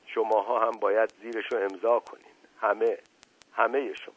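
A man's voice: fairly low pitch, little pitch movement, husky. A man voicing a self-pitying bedridden older man who groans and pleads, on a storybook radio reading. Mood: groaning. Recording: tinny phone-like old radio broadcast.

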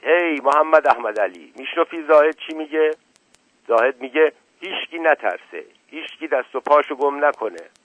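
A man reading aloud as a loyal villager who loudly urges the others to obey the elder. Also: medium pitch, husky, no room sound, low-quality recording. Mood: urging. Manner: loud, urging.

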